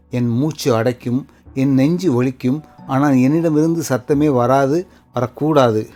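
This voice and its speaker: A man narrating a heartbreaking first-person story in a scripted style. His voice is dark and mellow, and he speaks in slow, sorrowful, measured phrases. Soft music plays faintly behind him. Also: medium pitch.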